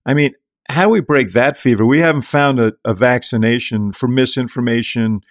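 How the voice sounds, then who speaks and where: A man's voice: medium pitch, brisk, no echo, clean studio sound. An older man hosting a political podcast, chatting casually and reading listener mail aloud. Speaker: podcast host.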